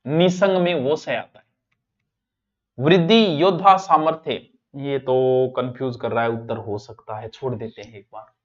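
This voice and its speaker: A male teacher with a Rajasthani accent, running a lively exam-prep spelling class and teasing his students in local dialect. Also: medium pitch, moderate pace, dull audio.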